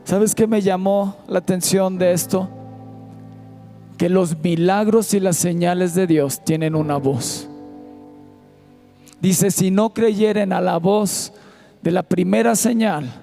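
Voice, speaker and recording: A man's voice: high voice, fairly even intonation, takes it slowly, vocal fry, long pauses, warm tone, soft background music. A man preaching a sermon in a church auditorium with a Mexican Spanish accent, sometimes half-singing his lines. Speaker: pastor.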